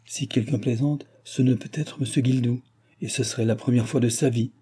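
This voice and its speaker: A man's voice: medium pitch, steady tone, normal speed, warm tone, husky, natural voice. A man voicing a weary, gloomy lawyer in an audiobook, speaking in a mournful, resigned way. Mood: measured. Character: weary, gloomy middle-aged male lawyer.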